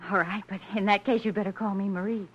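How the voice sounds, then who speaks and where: A woman's voice: mid-range voice, steady tone, fast, natural voice. A woman playing an earnest, loyal young woman in an old radio crime drama, imploring and full of feeling. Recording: muffled vintage radio recording.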